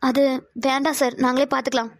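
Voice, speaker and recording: A woman voicing a sassy, sharp-tongued young elder sister with quick retorts in a cartoon. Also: sits high, level tone. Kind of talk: cartoon voice acting.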